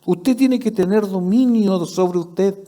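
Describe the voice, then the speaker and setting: A male pastor with a Chilean accent preaches a sermon in a church service, talking with his listeners rather than at them. His voice sits a little high for a man yet sounds mellow and soft-edged. He keeps turning to the congregation with direct questions. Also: slow. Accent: Chilean Spanish.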